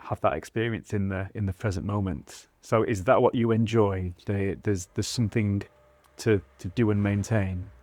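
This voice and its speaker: A man who teaches meditation, explaining in a measured, deliberate way during a conversation. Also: on the low side, fairly even intonation, darkish tone, dry recording. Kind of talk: conversational discussion.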